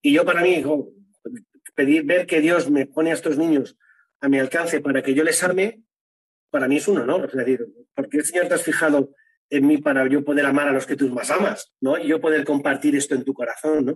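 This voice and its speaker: Husky-voiced man, earnest. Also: a little high, fairly even intonation, brisk, poor audio. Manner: earnest, tags phrases with "¿no?". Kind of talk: interview, faith testimony.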